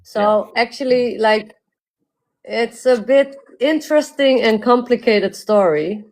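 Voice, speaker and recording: In a casual interview chat, a Dutch woman who is a guest and metal detectorist shares her story. Her voice is fairly high and the audio is poor; she's chatty, laughs often, and fills pauses with uh, um, and like.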